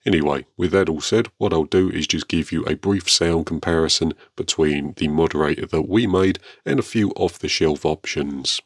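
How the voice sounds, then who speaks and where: A man hosting a video channel, presenting to viewers in a measured, polite, understated way. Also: rumbling low, no echo. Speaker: YouTube airgun channel host. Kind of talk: scripted-sounding product showcase narration to viewers.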